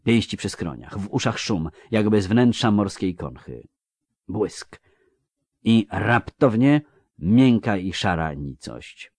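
A man reading a fantasy novel aloud in a measured, dramatic way. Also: on the low side, a little mellow, no room sound, studio quality. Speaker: audiobook narrator. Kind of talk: scripted literary narration.

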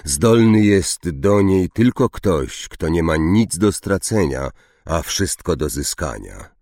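A male narrator voicing a noble young centaur, speaking slowly and solemnly in an audiobook. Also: low voice, animated, darkish tone, no room sound, clean studio sound, heavily acted. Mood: grave. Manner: slow, solemn, measured.

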